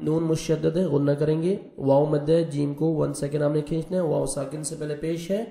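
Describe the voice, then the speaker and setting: Guy teaching quran recitation, slow drawn-out chanting, dark voice, faint music behind. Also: on the high side, gravelly, reverberant. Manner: patient, repeats letters and rules, slow drawn-out recitation. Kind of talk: tajweed lesson, explaining and chanting verses slowly.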